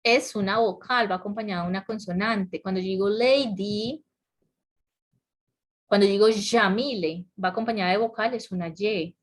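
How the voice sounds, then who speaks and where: Teaching English online at a moderate, relaxed pace, a woman patiently works through grammar points. She frequently stops to check that students are following, poses questions to the class, and laughs lightly, her middle-pitched voice carried by a computer mic on a video call.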